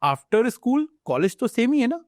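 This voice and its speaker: A man's voice: extremely high pitch, big pitch swings, unhurried, no echo, clean studio sound. A man hosting an interview who asks earnest questions and mixes Hindi and English. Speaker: host.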